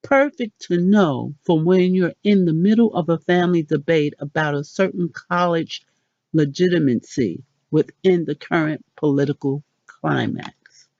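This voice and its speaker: A woman hosting a casual pronunciation lesson, chatty and self-deprecating, repeating words slowly. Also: sits low, a little mellow, no room sound, lo-fi sound. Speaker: channel host.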